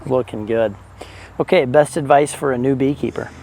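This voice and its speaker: A man conducts an interview and puts short, direct questions to his guest. His voice has a gravelly, creaky edge. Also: medium pitch, steady tone, normal speed, darkish tone, slight background noise, poor audio. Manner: brief, plain questions.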